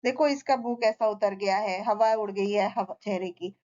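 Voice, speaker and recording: A woman's voice: mid-range voice, normal speed, darkish tone, natural voice. A woman voicing a worried mother who fusses and exclaims over her sick son, in a slightly dull recording. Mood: fretful.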